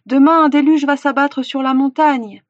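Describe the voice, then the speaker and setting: A woman's voice: fairly even intonation, moderate pace, slightly rough, no room sound. A woman voicing a desperate young hunter. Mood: pleading. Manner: pleading, raises voice high and loud. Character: young male village hunter, earnest and desperate. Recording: dull, dry recording.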